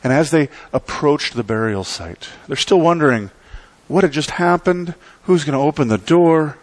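Middle-aged male pastor, animated pulpit preaching with dramatic pauses, church sanctuary. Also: a little high, no room sound. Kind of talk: sermon.

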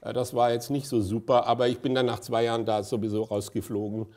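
Speaking quickly in a level, slightly mellow mid-range voice, this festival director in his sixties shares lengthy stories as an on-stage interview guest. His conversation is peppered with hesitant fillers and chuckles.

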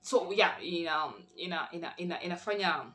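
A young woman with a Kenyan accent runs a casual, chatty vlog, teasing and joking with her viewers as she switches between languages. Her voice sits a little low but sounds strikingly bright and forceful. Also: brisk. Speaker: vlogger. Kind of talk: casual chat.

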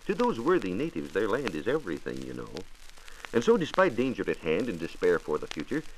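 In a radio studio, an American man plays a 1940s radio reporter delivering a formal, precise scripted science explanation. His voice is lowish with wildly swooping pitch and a slightly fast pace. The recording is a noisy vintage 1940s radio transcription disc.

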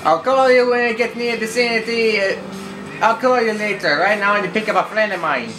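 A man's voice: sits high, a little fast, music in the background, poor audio. A man casually narrating a driving game, rambling and joking at himself while role-playing his character. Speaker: gameplay commentator.

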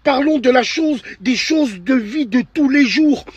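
Guy going off on an angry rant, raspy, really high voice, swearing and emphatic. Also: lively intonation, a little slow, dry recording, muffled recording. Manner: indignant, vulgar, emphatic, agitated. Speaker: online video ranter. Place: inside a car. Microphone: phone at arm's length.

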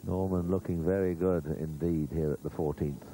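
A man's voice: low-pitched, steady tone, normal speed, warm tone. A male golf commentator giving conversational live commentary, rambling along with humorous asides. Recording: noisy old TV broadcast audio.

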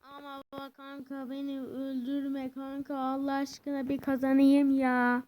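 A young woman giving casual, excitable commentary while playing a video game, swinging between cheering and complaining. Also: sits high, a little slow. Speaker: gameplay commentator.

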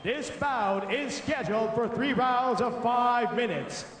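A man working as a ring announcer, giving formal fight introductions in a drawn-out, theatrical delivery. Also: extremely high pitch, a bit bright. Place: large indoor arena. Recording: echoey arena PA, distant, faint noise.

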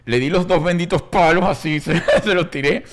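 A middle-aged man with a Venezuelan accent, co-hosting a podcast and telling a story in a casual, animated way, acting out quotes and laughing as he goes. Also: on the high side, moderate pace. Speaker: podcast co-host.

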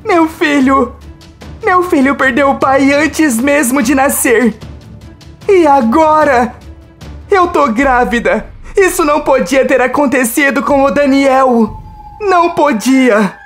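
A woman's voice: high voice, slow pace, faint music behind, pitched above the performer's own voice. A woman voicing a tearful young pregnant woman, pleading in a raised voice. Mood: anguished.

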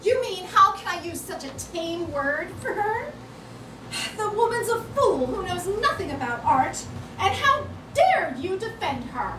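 A woman's voice: high voice, very animated, takes it slowly, full character voice. A woman acting an imperious, demanding and flirtatious wealthy art patron in a staged play reading, heard in a theatre. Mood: indignant. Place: small stage in a club theatre before an audience. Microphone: distant audience camera. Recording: noisy, echoey theatre recording from far off.

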